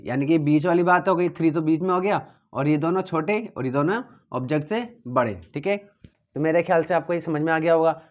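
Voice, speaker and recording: A man with a somewhat high, slightly mellow voice teaches physics at a whiteboard, captured on a muffled recording. He works through the material step by step, poses questions and answers them himself, and keeps checking in with students by repeating "theek hai."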